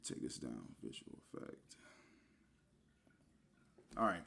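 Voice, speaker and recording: This religious teacher's rumbling low voice is creaky yet bright and forceful, swinging widely in pitch as he takes it slowly. In a casual screen-share lesson with slight background noise, he spells scripture words letter by letter, explains them, calls the listener brother, and uses many fillers and asides.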